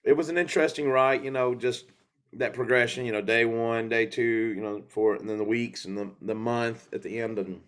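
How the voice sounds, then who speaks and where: A man's voice: medium pitch, fairly even intonation, fairly quick, a bit bright, clean tone. Easygoing male musician telling a story. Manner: loose storytelling with fillers and asides. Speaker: guest musician. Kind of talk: live singing and casual interview chat.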